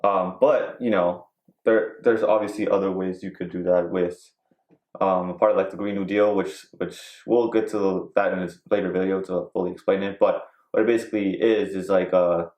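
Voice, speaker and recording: A man with a lowish voice talks in a loose, rambling way, full of ums and quick asides, joking now and then. He sounds like he is in a bare, echoey room. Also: steady tone, a little mellow. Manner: rambling, filler-heavy, joking. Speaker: podcast co-host. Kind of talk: casual chat.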